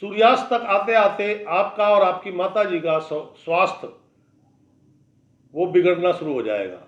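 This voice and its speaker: An astrologer delivers a daily horoscope in a high-pitched, slightly slow male voice, speaking bluntly and warning listeners in a conversational, lecturing style. The recording has an echoey room sound and dull lo-fi quality.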